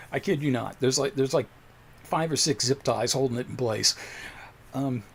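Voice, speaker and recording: A man's voice: medium pitch, unhurried, vocal fry, a little hiss or hum. A man hosting a casual livestream from his home computer desk, talking into a desk microphone in a chatty, rambling, self-deprecating way. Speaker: livestream host.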